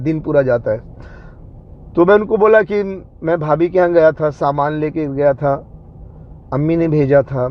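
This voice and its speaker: A man telling a story from his own life in a casual spoken way, often stopping to repeat and restart his phrases. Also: a little high. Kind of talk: casual spoken personal recollection. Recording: dull lo-fi recording.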